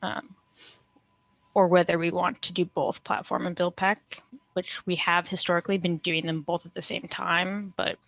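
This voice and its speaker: Lowish-voiced woman, close dry sound. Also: fairly bright tone, no echo. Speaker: software team member in a meeting. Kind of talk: casual work meeting talk.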